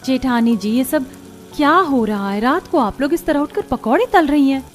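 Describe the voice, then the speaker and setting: A woman's voice: high-pitched, expressive, moderate pace, a little hiss or hum. A woman voicing a young outspoken daughter-in-law in a cartoon, speaking firmly and asking pointed questions. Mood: questioning. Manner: firm and questioning. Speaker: voice actor. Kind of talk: cartoon voice acting.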